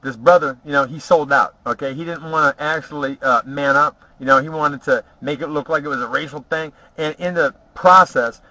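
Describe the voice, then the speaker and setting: This vlogger's pitch sits on the high side and his tone is sharp, captured dry on dull, lo-fi home video audio. He spins profane, bragging tales about his past, wandering off track and filling gaps with "uh" and "you know what?" in a casual storytelling monologue.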